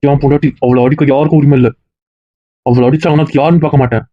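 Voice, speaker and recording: Woman playing a fast angry young husband. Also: deep voice, steady tone, no room sound, lo-fi sound. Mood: heated. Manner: rapid, heated, threatening. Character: young husband defending his wife, angry. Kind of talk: acted family drama skit.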